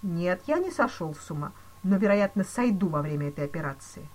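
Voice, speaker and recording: A woman's voice: on the low side, expressive, a little fast, a little mellow. A woman voicing a male police chief who delivers dire news in a grave, regretful manner in a storybook reading. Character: solemn, mock-sympathetic male police chief.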